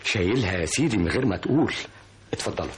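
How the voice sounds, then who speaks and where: A man's voice: low voice, expressive, very fast. An actor playing a sneering henchman in an old radio drama, with an Egyptian accent. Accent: Egyptian Arabic. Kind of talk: vintage radio drama acting. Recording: very hissy old tape.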